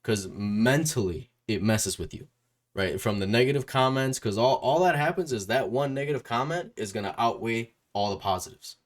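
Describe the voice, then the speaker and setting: With a medium pitch, lively intonation, and moderate pace, a music YouTuber of Puerto Rican background conducts a casual interview. He rambles, echoes his own phrases, and regularly checks in with a questioning tag.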